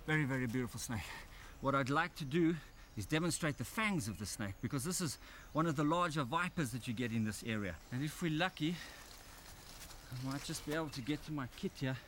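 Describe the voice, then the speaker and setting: A man's voice: on the high side, animated, fairly quick, a bit bright, slight background noise. A man presenting a wildlife documentary outdoors in a grove, explaining eagerly while handling snakes. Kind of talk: documentary narration and field presenting.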